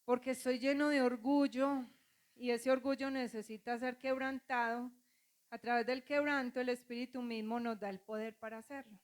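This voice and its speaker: A woman's voice: on the high side, fairly even intonation, moderate pace. A woman pastor preaching a sermon, calling on the congregation to repeat after her and acting out quoted voices.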